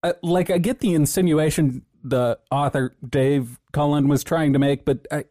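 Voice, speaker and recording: A man talks in a loose, laid-back way, swearing freely and laughing often as he works through his notes. His voice is mellow and warm, and the sound is dry and close, with no room echo. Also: fairly high pitch, fairly even intonation, normal speed. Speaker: podcast co-host presenting research notes. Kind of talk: casual podcast chat.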